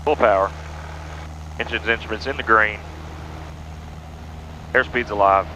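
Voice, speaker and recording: Male pilot vlogger, low-pitched but forceful, casual instructional narration, slightly dull cockpit sound. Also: fairly even intonation, a little slow. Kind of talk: casual explanatory cockpit narration with radio calls. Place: small airplane cockpit. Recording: muffled cockpit audio with engine noise.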